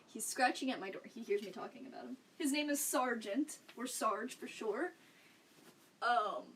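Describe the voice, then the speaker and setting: A young woman with a fairly high voice chats to her stream viewers from a room at home, rambling from one thought to the next and laughing often. She sits a little back from the mic. A faint noise runs underneath. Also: fairly bright tone. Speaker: livestreamer. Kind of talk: casual chat with stream viewers. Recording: slightly distant mic, faint background noise.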